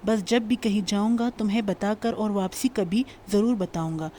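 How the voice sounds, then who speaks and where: A woman voicing a direct, steady young man who talks in a plain, matter-of-fact way. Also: medium pitch, slight background noise, close to an everyday voice.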